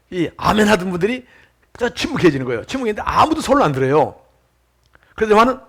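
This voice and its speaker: Animated Korean pastor preaching. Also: male voice, on the high side, husky. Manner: animated storytelling, acts out shouted quotes. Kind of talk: sermon.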